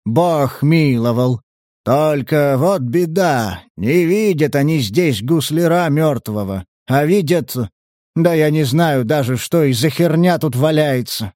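A man's voice: a little high, lively intonation, takes it slowly, darkish tone, no room sound, studio quality. A man voicing a coarse, indignant middle-aged male abbot in an audiobook. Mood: grumbling.

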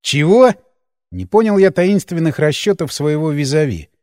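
A man narrating a first-person adventure audiobook with ironic, lively storytelling. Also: fairly high pitch, brisk, no room sound, clean studio sound. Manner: lively, ironic storytelling, hero's lines shouted up.

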